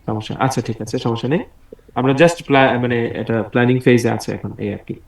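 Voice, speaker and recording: A man's voice: medium pitch, a little fast, creaky, darkish tone. A man teaching an online English class over a video call, patient and encouraging as he drills words aloud. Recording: roomy, distant video call audio.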